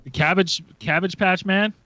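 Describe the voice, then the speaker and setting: A man's voice: high-pitched, moderate pace, sharp tone, dry recording. A man co-hosting a podcast, chatting in a rambling, jokey way. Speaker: podcast co-host. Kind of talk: casual chat.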